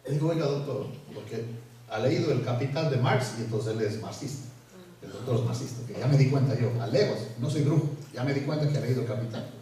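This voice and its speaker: A pastor preaching a sermon, telling a story with humor and lively delivery. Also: male voice, medium pitch, fast talker, distant mic. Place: church. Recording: echoey church hall from afar.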